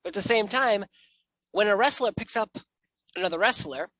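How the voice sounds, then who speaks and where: Male interview host, bright punchy voice, dry sound, animated casual talker. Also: sits high, normal speed, no room sound, low-quality recording.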